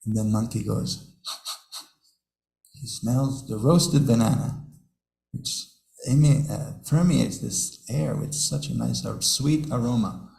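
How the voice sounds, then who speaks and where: A man's voice: medium pitch, slow, vocal fry, pauses often, darkish tone, echoey room, low-quality recording. A man giving a devotional scripture class, telling stories to his audience, chuckling often and repeating his words. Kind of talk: devotional class talk with storytelling. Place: temple hall.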